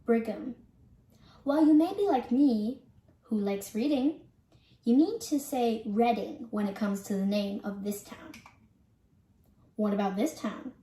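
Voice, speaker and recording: Slow, mellow young woman teaching pronunciation. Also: fairly high pitch. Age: young adult. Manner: careful, deliberate teaching delivery. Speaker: student presenter. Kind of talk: scripted pronunciation lesson narration. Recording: echoey room.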